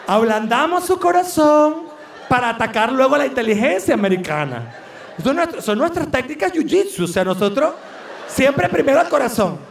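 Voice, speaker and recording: A Venezuelan man doing live stand-up comedy, telling stories animatedly with a high, gravelly voice. He is recorded from a distance in a large, echoey venue with faint noise behind him. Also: sing-song, moderate pace.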